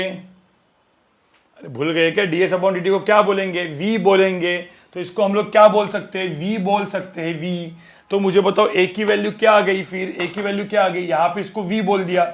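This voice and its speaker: A man teaching physics in a classroom lecture, asking students questions again and again and slowly repeating each formula. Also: high-pitched.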